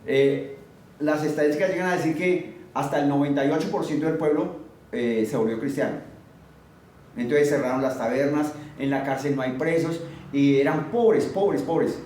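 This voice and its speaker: Emphatic preacher in an echoey space. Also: male voice, on the high side, moderate pace, darkish tone. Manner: emphatic, poses rhetorical questions to listeners. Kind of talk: sermon. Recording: very echoey, far from the mic, faint noise.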